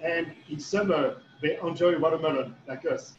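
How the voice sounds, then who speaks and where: A man's voice: on the high side, normal speed, roomy sound, lo-fi sound, slight background noise. A man, a chef giving a prepared video message with some hesitations.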